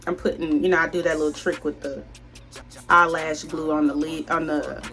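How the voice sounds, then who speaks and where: A woman's voice: low voice, level tone, normal speed, fairly bright tone. Rambling woman vlogging over faint music. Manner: rambling, confiding, addresses viewers as y'all. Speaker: beauty vlogger. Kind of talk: casual chat while doing makeup.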